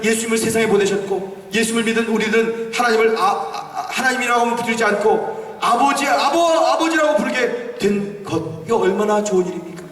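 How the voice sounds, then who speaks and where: An older man preaching a sermon as pastor, fervent, rising to shouts and calling for amens from the congregation. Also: high-pitched. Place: church sanctuary. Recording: echoey hall, distant mic.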